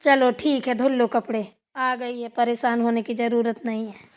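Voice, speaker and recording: A woman's voice: fairly high pitch, little pitch movement, moderate pace, highs cut off, lightly acted. A woman voicing a middle-aged village mother-in-law who drawls and grumbles in a cartoon. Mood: friendly. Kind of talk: cartoon voice acting.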